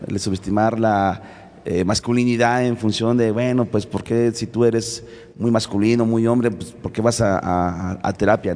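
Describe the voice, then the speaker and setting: A man's voice: fairly low pitch, mellow, in a large hall. A man with a Mexican accent speaking in a panel discussion and telling stories, stopping and restarting often with many fillers. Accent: Mexican Spanish. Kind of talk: casual storytelling in a discussion.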